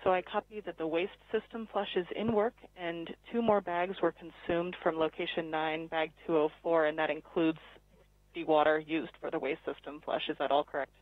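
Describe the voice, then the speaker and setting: A woman's voice: deep voice, level tone, moderate pace, no room sound. A woman acting as ground communicator, speaking in radio read-backs over a transmission link. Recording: narrow phone-like radio link.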